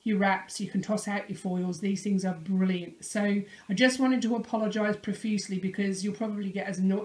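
A woman chats through a beauty demonstration, friendly and informal, full of small restarts. Her voice sounds a little croaky and sits at a middle pitch. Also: darkish tone. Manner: chatty, friendly, with many fillers and restarts. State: slightly croaky voice. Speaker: beauty vlogger. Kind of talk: casual product demonstration.

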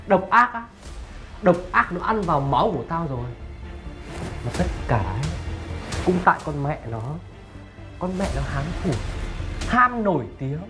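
A man playing a cruel male kidnapper and bully who sneers and shouts threats. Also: a little high, sing-song, moderate pace, long pauses, music in the background. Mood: menacing. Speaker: kidnapper villain, then rude customer. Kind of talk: web drama acting.

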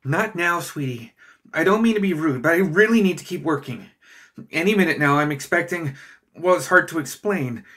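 Male reader doing a stressed, hurried woman scientist, raised voice, audiobook. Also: fairly high pitch, lively intonation, pushed and bright, voice pushed up. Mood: stressed, brushing off. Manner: strained, rushed, anxious. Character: frazzled driven woman scientist, middle-aged. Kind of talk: audiobook character voice.

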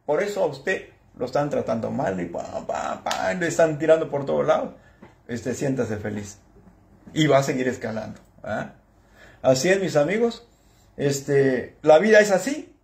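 A man's voice: fairly high pitch, moderate pace, vocal fry. A man talking casually to camera as a channel host, telling stories animatedly and acting out what other people said. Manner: animated storyteller who acts out other people's lines.

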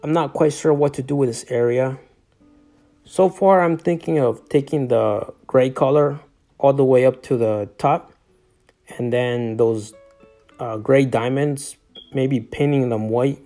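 A man's voice: medium pitch, measured pace, dark tone, soft background music. A middle-aged man giving a casual tour of his home, rambling with many fillers and restarts, filmed on a handheld phone. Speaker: homeowner giving a house tour. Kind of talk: casual house tour narration. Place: inside a small home. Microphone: handheld phone camera, off screen.

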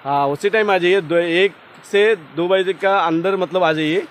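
Man, high voice, casual travel vlog, excited, repeats words, noisy outdoor recording. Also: a little slow. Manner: excited, jokey, repeats himself. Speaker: vlogger. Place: outdoors at a loud waterfall. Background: waterfall roar and ambience.

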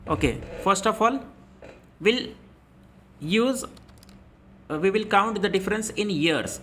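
A man's voice: high voice, expressive, takes it slowly, pushed and bright. A man in his twenties explaining step by step in a spreadsheet tutorial. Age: 20s. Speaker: instructor. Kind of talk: screen-recorded spreadsheet tutorial.

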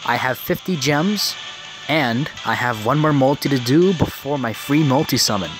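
A nineteen-year-old man giving casual game commentary, excitable and prone to stutter, speaking very close to a phone microphone. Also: medium pitch, normal speed, rough recording. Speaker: gaming video maker. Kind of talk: casual live commentary on mobile game summons. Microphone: phone, very close to the mouth. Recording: close-miked phone recording, music behind. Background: game music.

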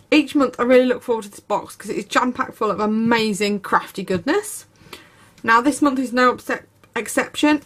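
A woman, narrating a craft unboxing video with gushing enthusiasm. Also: high-pitched. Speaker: craft YouTuber. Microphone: camera over tabletop, speaker off screen.

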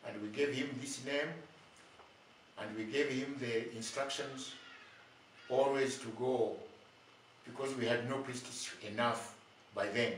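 An older man preaching a sermon, speaking slowly and deliberately in short phrases with long pauses. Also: medium pitch, fairly bright tone. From Uganda. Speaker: bishop. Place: indoors, plain room. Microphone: far camera. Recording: very echoey room, far from mic, faint noise.

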